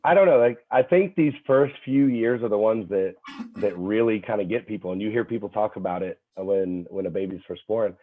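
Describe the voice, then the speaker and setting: A young man, a fitness trainer appearing as a podcast guest, telling stories in an animated way, full of fillers and restarts. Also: fairly low pitch, a little fast. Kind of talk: casual chat. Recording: tinny phone-like call audio.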